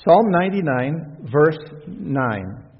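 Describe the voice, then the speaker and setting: A man's voice: a little high, big pitch swings, slow pace, breathy edge. A male pastor preaching a conversational sermon, asking the congregation rhetorical questions and letting his voice swell and drop. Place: church sanctuary. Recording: dull recording in a reverberant church hall.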